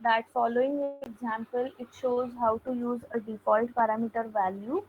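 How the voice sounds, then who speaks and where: A woman's voice: on the high side, fairly even intonation, narrow, tinny audio, slight background noise. A woman teaching a programming lesson over a video call, explaining step by step and often saying okay. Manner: explanatory, fills pauses with okay. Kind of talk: online programming lecture.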